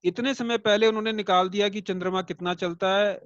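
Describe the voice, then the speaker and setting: A high-voiced man teaches an online astrology class conversationally, checking in with students through rhetorical questions and explaining with everyday comparisons and light jokes. His voice is a bit bright with fairly even intonation and a fairly quick pace. The recording is dry, echo-free, and a little dull and lo-fi.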